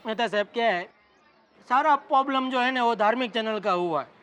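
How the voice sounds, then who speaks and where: An actor voicing a flustered, panicky middle-aged shopkeeper in a cartoon, talking fast and defensively. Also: male voice, very high-pitched, smooth. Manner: excitable, defensive. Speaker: cartoon character.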